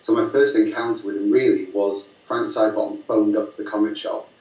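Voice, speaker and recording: Man, 50s, rambling fillers, low pitch, distant mic, muffled sound. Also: fairly even intonation, brisk, darkish tone, reverberant. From Lancashire, northwest England. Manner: rambling, many fillers and restarts, amused. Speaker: filmmaker guest. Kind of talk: casual storytelling interview.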